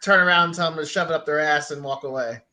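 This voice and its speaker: A man telling sports stories in casual chat, animated, blunt and a bit profane. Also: fairly high pitch, quick pace. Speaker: sports talk show regular.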